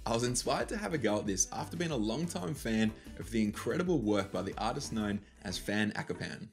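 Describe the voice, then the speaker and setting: A young Australian man with a slightly nasal, stuffy voice, casually talking through a software tutorial step by step. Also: on the low side. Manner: casual, upbeat, talks through each click. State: nasal from hay fever. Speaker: motion design tutor.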